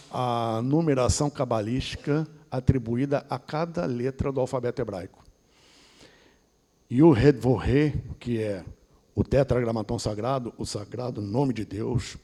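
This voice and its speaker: Husky Brazilian man lecturing. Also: mid-range voice, mellow. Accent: Brazilian Portuguese. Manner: discursive, ending points with tag questions. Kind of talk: esoteric lecture.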